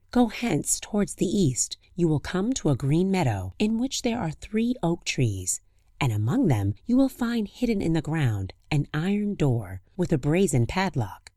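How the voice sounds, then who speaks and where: A woman voicing the sun as a wise, kindly spirit in a fairy tale, giving calm, steady counsel. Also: lowish voice, measured pace, dry recording, studio quality. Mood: instructing.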